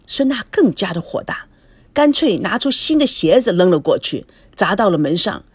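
Woman reading a story, lively. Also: mid-range voice, moderate pace, breathy edge, no room sound. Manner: expressive narration. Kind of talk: reading a romance story aloud.

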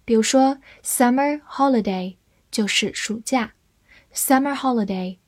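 Woman reading a vocab lesson, slow and careful, spells words out, very dry close sound. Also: a little high, no room sound. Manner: spells words letter by letter and reads slowly. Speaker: English teacher.

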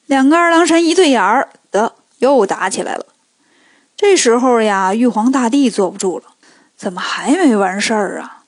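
A woman storyteller narrating a children's tale with lively, colloquial joking asides. Her voice is high. The recording is dry and close, with no room echo.

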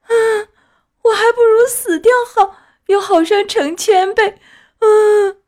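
A woman voicing a young wooden puppet boy in an audiobook, pleading in a high wailing voice. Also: expressive, normal speed. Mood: wailing grief. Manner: high wailing, sobbing pleas. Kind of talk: audiobook character voice.

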